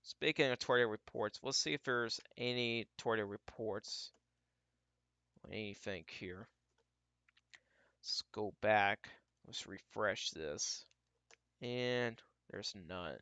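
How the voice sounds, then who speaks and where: A man giving casual, off-the-cuff live weather radar commentary as a livestream storm tracker, halting and repeating himself as he talks through what he scans. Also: on the low side, bright, forceful tone, clear, resonant tone, no echo. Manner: talks to himself while scanning, halting and repetitive.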